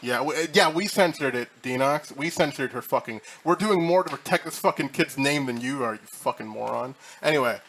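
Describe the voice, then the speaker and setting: A man's voice: medium pitch, expressive, brisk, vocal fry, hardly any pauses, a bit bright. Guy hosting a chat podcast, swears a lot, jokes around, restarts a lot, bit of background hiss. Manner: profane, joking, rambling with many restarts. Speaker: host.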